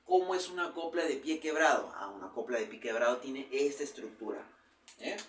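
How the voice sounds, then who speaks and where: A man's voice: mid-range voice, fairly quick, a bit bright, recorded from a distance, a little hiss or hum. A man teaching a virtual literature class, explaining step by step and often checking in with his students. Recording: echoey room, voice off-mic.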